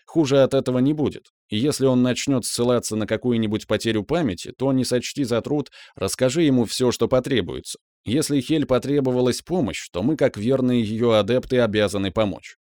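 A man's voice: medium pitch, brisk, hardly any pauses, a little mellow, no room sound, studio quality, lightly acted. A man voicing a stern, commanding older mentor, a veteran mage, in an audiobook. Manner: commanding, matter-of-fact.

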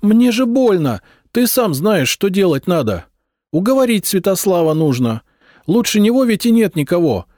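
A man's voice: on the high side, sing-song, moderate pace, a little mellow, no echo, studio quality, voice pushed up. A man reading a novel aloud, voicing a young princess wife who pleads tearfully and argues defiantly with her husband. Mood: tearful pleading.

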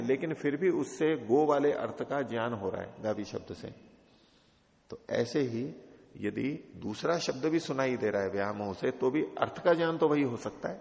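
A man with a gravelly voice gives a scripture commentary lecture. He recites Sanskrit slowly and then explains it step by step. The recording is dull and muffled, with a long reverb from a large hall. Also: mid-range voice, a little mellow. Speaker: Sanskrit philosophy teacher.

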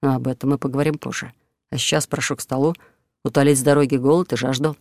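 A man voicing a calm, good-humoured outlaw leader who gives orders easily. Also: medium pitch, fast, vocal fry, dry recording, clean studio sound, natural voice. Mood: amused.

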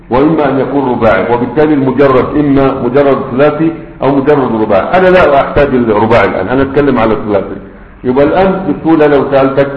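A man with an Egyptian Arabic accent teaching a grammar lesson, explaining step by step and often checking that his students follow. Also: medium pitch. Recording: roomy, dull lo-fi lecture recording.

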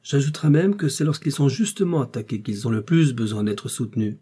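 A man voicing a lively old countess. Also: mid-range voice, brisk, slightly rough, voice pushed up. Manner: exclamatory, teasing. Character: elderly countess, lively, outspoken dowager.

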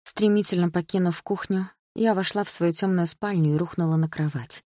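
A woman reading a first-person audiobook narration in an even, subdued manner. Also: fairly low pitch, fairly quick, no echo, studio quality. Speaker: audiobook reader.

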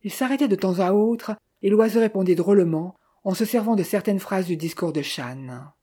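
An audiobook narrator reading a detective novel in a measured, even way. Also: mid-range voice, slightly rough.

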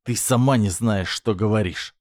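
A man voicing a menacing, possessive man who speaks slowly in a low, threatening tone. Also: a little mellow, dry recording, clean studio sound, lightly acted. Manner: slow, low, threatening delivery.

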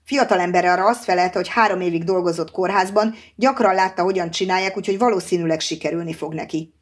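A woman reads a novel aloud as the audiobook narrator. Her voice is slightly low, and her storytelling stays even and clear. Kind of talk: scripted narration.

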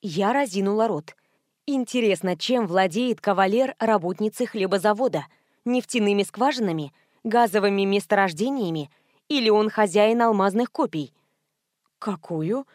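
A woman reading a first-person audiobook aloud, telling the story in a wry, lively way. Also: mid-range voice, moderate pace, dry recording, clean studio sound. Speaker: audiobook reader.

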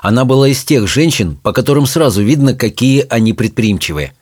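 A man reading a children's fantasy story aloud in an expressive storytelling manner. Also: medium pitch, brisk, breathy edge, no echo, studio quality. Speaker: audiobook narrator. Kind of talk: audiobook reading.

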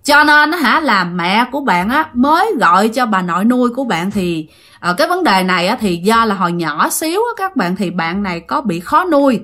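A woman's voice: mid-range voice, big pitch swings, brisk, a bit bright. Chatty woman storyteller. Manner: chatty, addresses listeners directly. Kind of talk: ghost story narration.

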